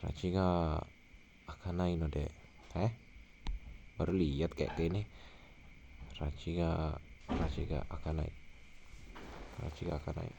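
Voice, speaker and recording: A young man who grew up speaking Indonesian reads a novel aloud in Japanese with an Indonesian accent. He thinks aloud in a halting way, often trailing off and repeating words. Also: extremely low pitch, flat delivery, gravelly, noisy background. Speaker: language learner. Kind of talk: reading a novel aloud and musing.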